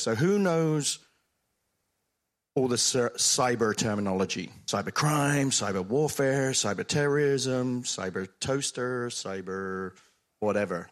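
A man with a croaky voice from being sick, giving an informal, joking conference talk. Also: lowish voice. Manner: joking, informal, self-deprecating. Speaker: security officer introducing his team.

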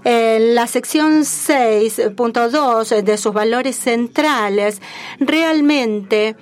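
Interpreting live at a formal conference, a woman with a fairly high voice speaks simultaneously in a measured, formal manner. She hesitates often.

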